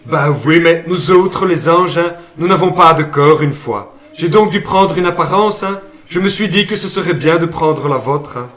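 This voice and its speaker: A man's voice: a little high, normal speed, few pauses, fairly bright tone, lightly acted. A man voicing a friendly male guardian angel with a Brussels accent, homely and fond of saying "une fois" and "hein". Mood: kindly. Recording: roomy sound, mic at a distance.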